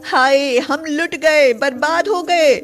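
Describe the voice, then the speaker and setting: Casting: woman voicing a high, shrill, wailing rich sister in panic, storybook. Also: measured pace, soft background music. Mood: panicked. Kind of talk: storybook voice acting.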